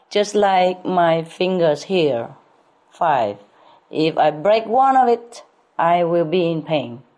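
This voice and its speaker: Slow-spoken woman spiritual teacher. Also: lowish voice, a little mellow. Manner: slow, repetitive, laughs often. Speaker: spiritual teacher answering questions. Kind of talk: slow spiritual talk at a public Q&A.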